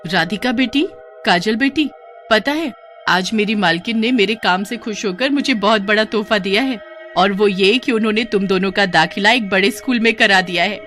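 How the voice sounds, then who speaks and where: A woman voicing a poor, loving working mother who speaks gently and encouragingly to her daughters. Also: mid-range voice, moderate pace, faint music behind, natural voice. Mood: joyful.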